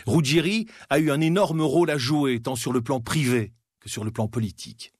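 A man giving scripted documentary narration in a measured, dramatic storytelling manner with pauses. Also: mid-range voice, breathy edge, no room sound, studio quality. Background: faint background music.

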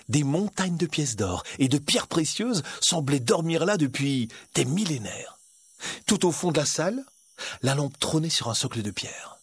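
A man reading a storybook aloud in an animated, expressive narration. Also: on the high side, slightly rough.

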